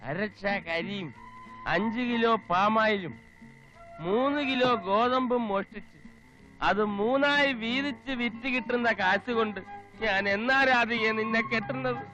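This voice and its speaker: A scheming small-time thief talks fast and wheedles his way out of trouble. His voice runs fairly high. The film audio is a little muffled. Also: bright, forceful tone, soft background music, heavily acted. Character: scheming young male petty thief. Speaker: petty thief, pupil. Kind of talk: slapstick film comedy.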